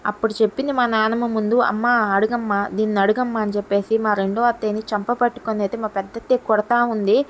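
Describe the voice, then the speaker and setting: A woman narrating a story as a voiceover in a quick, colloquial way, leaning on the same filler phrases again and again. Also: fairly high pitch, little pitch movement, slight background noise. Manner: rapid, colloquial retelling with recurring filler phrases.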